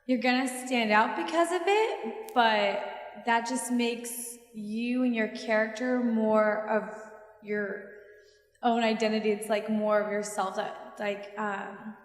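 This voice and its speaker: A woman's voice: fairly high pitch, slow. A young adult woman speaking earnestly and firmly as a panelist. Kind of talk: casual panel talk. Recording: echoey hall.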